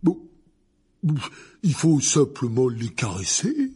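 Man doing a big gentle giant teacher, husky, slow, swings up and down a lot, lots of ums. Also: on the low side, very animated, heavily acted. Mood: explaining. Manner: hesitant, full of fillers, eager. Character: huge gentle half-giant teacher, clumsy and kindly. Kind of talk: dramatized audiobook reading.

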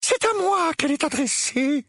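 A man voicing a prim, nervous middle-aged aunt with a high, trembling, cutting voice in an audiobook. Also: slow, dry recording, studio quality. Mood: panicked. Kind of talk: audiobook character voice.

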